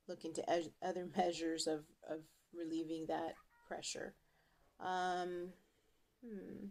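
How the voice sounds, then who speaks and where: A woman talking casually to viewers in a video diary, halting and unhurried as she pauses to think. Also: fairly low pitch, a little mellow. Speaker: vlogger.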